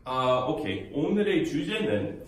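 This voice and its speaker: A man with a hoarse voice from a cold, teaching English in a casual bilingual lesson and saying example sentences slowly. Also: on the high side, big pitch swings. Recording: very echoey room.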